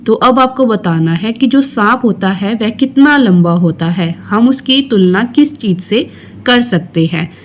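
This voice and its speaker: A woman reads a children's poem aloud and then works through the exercises patiently, speaking very slowly and explaining each answer for small children. Her pitch sits in the middle range. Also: lively intonation, a little hiss or hum. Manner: slow, explaining each step to young children. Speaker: primary school teacher. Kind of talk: textbook lesson with a recited poem.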